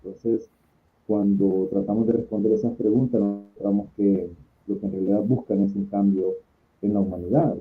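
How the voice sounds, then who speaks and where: A middle-aged man from San Salvador, El Salvador, with a Salvadoran Spanish accent, is an invited guest who speaks at conferences and organizes a contact group. He answers interview questions earnestly and explains things with deliberate pauses, in a fairly low voice with little pitch movement. The call audio is thin and phone-like, with faint music behind him.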